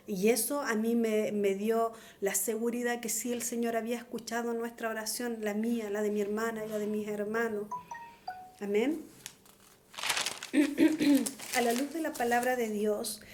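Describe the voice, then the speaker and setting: A woman's voice: fairly high pitch, a little mellow. Earnest middle-aged woman preaching. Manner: earnest, pleading. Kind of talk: testimonial sermon.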